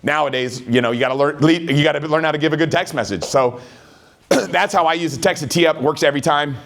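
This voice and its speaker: A middle-aged man teaches a room full of recruits at a rapid clip, his voice sitting a little high for a man. He tells stories with a lot of energy and keeps checking that his listeners are following. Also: gravelly. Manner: energetic, chatty storyteller who keeps checking in with the audience. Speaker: network marketing trainer. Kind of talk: motivational sales training talk.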